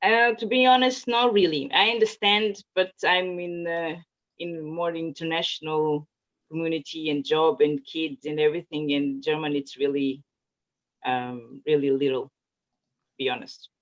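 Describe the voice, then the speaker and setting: A woman's voice: low voice, steady tone, a little slow. A woman from Portugal, a native Portuguese speaker, answering interview questions in a casual, hesitant way with many fillers and restarts. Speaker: interview guest. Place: home in Zurich. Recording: muffled lo-fi audio.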